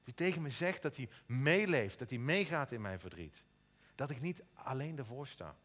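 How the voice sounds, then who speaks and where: A man's voice: mid-range voice, expressive, moderate pace, a bit bright, big-room sound. A man preaching an earnest sermon in a church, sometimes stumbling over repeated words. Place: church in Eindhoven.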